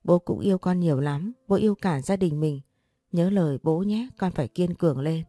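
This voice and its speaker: A woman's voice: fairly low pitch, moderate pace, mellow, no echo, faint music behind, close to an everyday voice. A woman voicing the spirit of a dead older father, tender and pleading with his family in an audio story. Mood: grieving.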